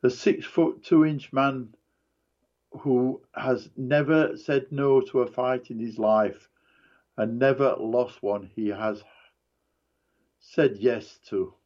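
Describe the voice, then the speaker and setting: A man reading a dramatic book passage aloud in a measured, deliberate way. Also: medium pitch, fairly even intonation, a little mellow, lo-fi sound. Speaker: narrator.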